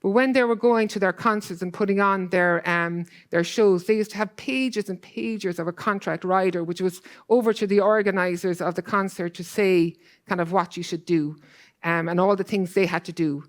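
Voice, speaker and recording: A woman's voice: fairly low pitch, fairly even intonation. Earnest woman giving a conference talk. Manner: earnest, fast, loose with fillers like "kind of". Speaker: conference speaker. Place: conference hall.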